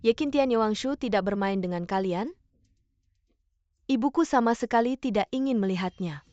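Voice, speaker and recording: A spiteful young half-sister with a fairly high, taunting voice, as a young actress dubs her. She speaks with scorn in a dry studio dub that sounds slightly dull. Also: moderate pace, darkish tone, no room sound, lightly acted. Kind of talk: dubbed short drama.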